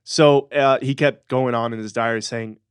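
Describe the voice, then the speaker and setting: A man's voice: medium pitch, fairly even intonation, moderate pace, smooth, no echo, clean studio sound. A young man co-hosting a casual pet-care podcast, telling a story with frequent fillers and chuckles. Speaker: podcast co-host. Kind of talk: casual chat.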